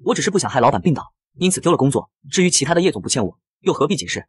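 A man's voice: a little high, sing-song, rapid-fire, breathy edge, dry recording, clean studio sound. A man voicing a proud, stubborn young male celebrity who speaks curtly and sarcastically. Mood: cold. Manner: cool, sarcastic, curt.

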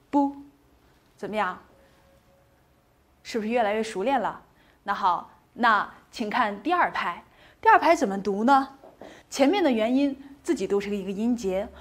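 In a recorded pronunciation lesson, a woman with a fairly high voice patiently encourages the class. She says each sound twice and asks questions before answering them herself.

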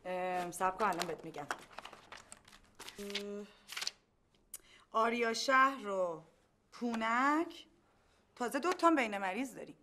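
An actress playing an eager young assistant who likes to show off, in TV sitcom acting. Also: female voice, medium pitch, expressive, pauses often, sharp tone, slight background noise. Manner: eager, showing off.

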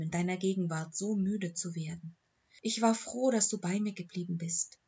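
A woman reading the voice of a calm, loyal old female dog in an audiobook, speaking in a soothing, matter-of-fact way with a slightly husky tone. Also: medium pitch, muffled recording.

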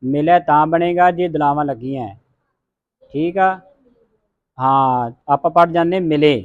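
A man's voice: a little high, a little slow, phone-quality sound. A man with a Punjabi accent teaching a class how to pronounce scripture words, sounding out letters and having the group repeat them. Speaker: Gurbani pronunciation teacher. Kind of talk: classroom recitation lesson.

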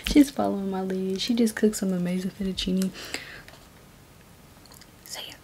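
A woman hosting an ASMR eating video with her mother, talking softly and teasing, with easy laughs, close to the mic. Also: mid-range voice, fairly even intonation, normal speed, noisy background. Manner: soft-spoken and teasing, laughs easily. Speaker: host.

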